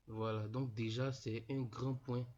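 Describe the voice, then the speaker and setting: Stuffed up with a cold, a young man walks students step by step through an online registration, repeating himself often and scattering "voilà" throughout. His mid-range, dark-toned voice barely moves in pitch and is unhurried, speaking informally in a dull lo-fi voice-over.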